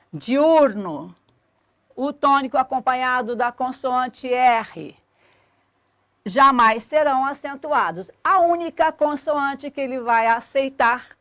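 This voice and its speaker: A woman, explaining a grammar lesson clearly and methodically as a teacher. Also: high voice, fairly bright tone, no room sound.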